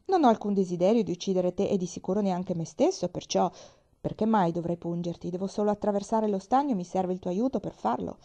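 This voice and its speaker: A sly male scorpion from a storybook fable, sweet-talking and persuasive, as a woman reads him. The voice is mellow and warm, and it stays smooth and coaxing. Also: mid-range voice, fast talker, close to an everyday voice.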